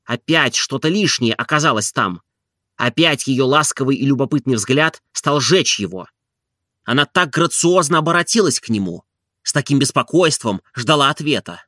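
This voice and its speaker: Male audiobook narrator, calm and measured, bright tone, dry close mic. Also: medium pitch, no echo.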